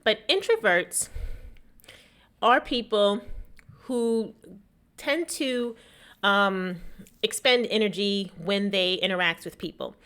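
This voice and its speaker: A woman's voice: mid-range voice, takes it slowly, pauses often, a bit bright, smooth. A woman hosting a casual explanatory talk in a slightly shaky voice worn by a lingering cough, making her points emphatically and with opinion. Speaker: host, small business technology educator.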